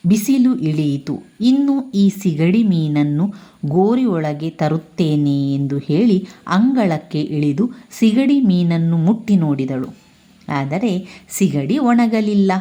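A woman with a Kannada accent reads a school story aloud for young children. Her voice sits low and mellow, and she takes her time. She repeats phrases carefully as she explains. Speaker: teacher.

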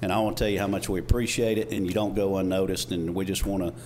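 A man's voice: low voice, steady tone, fast, darkish tone. A middle-aged man with a Southern US accent giving an informal, folksy thank-you speech at a podium microphone, with slightly off R sounds. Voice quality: trouble pronouncing R's. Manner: folksy, conversational. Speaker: mayor. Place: indoor council chamber. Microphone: podium gooseneck microphone. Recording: clear background noise, room ambience.

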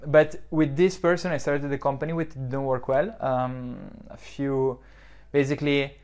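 A man's voice: medium pitch, flat delivery, moderate pace, a little mellow, smooth. Young man answering in a podcast interview. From southern Switzerland. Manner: reflective, many fillers and restarts. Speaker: startup founder, guest. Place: modern office lounge, indoors. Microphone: lapel mic.

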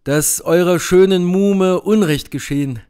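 A man's voice: high voice, unhurried, dark tone, smooth, voice pushed up. A man voicing a gallant young nobleman, earnest and devoted, speaking in vowing declarations in an audiobook. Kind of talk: audiobook character reading.

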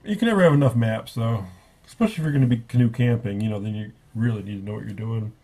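Man, gravelly, husky, casual rambling book review, self-correcting. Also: medium pitch, quick pace, warm tone.

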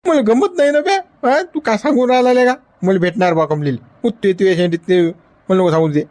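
This comedy sketch has an actor portraying a stubborn old grandfather in love, pleading whinily and insistently with a Varhadi Marathi accent. He sits high in pitch, with fairly even intonation, a slightly fast pace, a darkish tone, and light acting.

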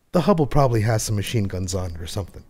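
A man's voice: lowish voice, sing-song, a little mellow. A man hosting a book podcast, upbeat and jokey, introducing segments and chatting with guests. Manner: upbeat, jokey, quick to laugh. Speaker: podcast host.

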